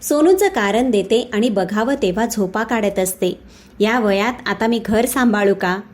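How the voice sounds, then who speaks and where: A woman's voice: mid-range voice, expressive, measured pace, a little mellow, close to an everyday voice. A complaining older mother-in-law, as a woman reads her. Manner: complaining, whining.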